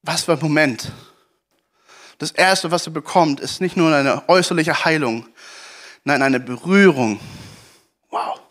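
A man with a notably high voice delivers a sermon from Germany. He tells the story vividly, jumping into shouts and pleading voices for the people in it, then easing back to quiet, encouraging words. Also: measured pace, long pauses. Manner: animated storytelling, acts out shouts and pleas. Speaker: preacher.

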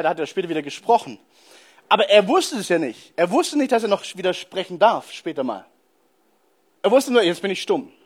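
A man giving a conversational sermon, telling stories animatedly and speaking straight to his listeners. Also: high voice. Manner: animated storytelling, addresses listeners directly. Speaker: preacher.

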